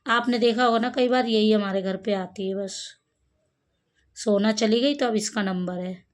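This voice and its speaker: Speaking steadily and without hurry at a medium pitch, a woman talks to a cat while recording it on her phone in the courtyard of her home. She's a pet vlogger, and she coaxes the animal with a sing-song call.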